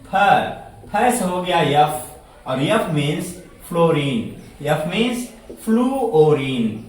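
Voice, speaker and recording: A man teaching a chemistry lesson to students, speaking slowly, repeating words, spelling them out letter by letter and answering his own questions. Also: on the high side, animated, recorded from a distance. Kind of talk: classroom lecture. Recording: echoey room, voice set back from the mic.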